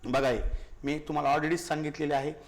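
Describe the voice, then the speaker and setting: A man's voice: fairly high pitch, flat delivery, brisk. A male teacher giving a grammar lesson, asking questions and answering them himself, repeating key words and often calling his listeners brothers.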